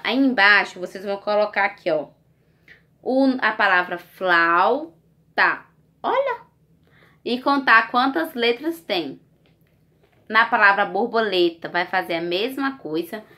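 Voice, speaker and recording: A woman teacher, talking young children through a lesson in a slow, coaxing, sing-song way and checking in with them often. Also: medium pitch, sharp tone. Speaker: primary school teacher.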